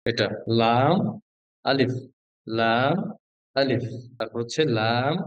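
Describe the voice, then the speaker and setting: A man's voice: mid-range voice, fairly even intonation, takes it slowly, dry recording, highs cut off. A male Quran reading teacher giving an online class, patiently naming letters one by one and quizzing his students. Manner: patient, asks students questions and spells out letters.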